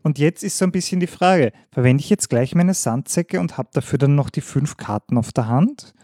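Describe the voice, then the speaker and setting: A man's voice: on the high side, normal speed, warm tone, no echo, studio quality. A man co-hosting a podcast, patiently walking his partner through a board game's rules in casual chat and confirming each move. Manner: patient, affirming with short "Jawohl" and "Richtig". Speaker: podcast co-host explaining the game rules.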